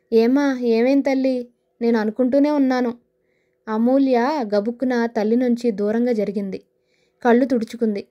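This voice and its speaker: A woman narrating an audio novel, reading every character's lines herself in a gentle, even tone. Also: fairly high pitch, highs cut off. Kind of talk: scripted novel narration with voiced dialogue.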